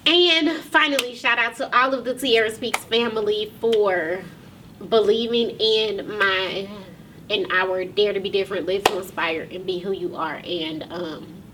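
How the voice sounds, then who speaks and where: A woman's voice: mid-range voice, unhurried, far from the mic, background noise. A woman hosting her own podcast and talk show, speaking casually to viewers in a loose, chatty way with many ums, close to tears.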